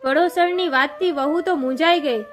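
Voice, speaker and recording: A woman narrates a devotional fast-day story in a steady, measured reading. Her voice is high. Soft music plays faintly behind her.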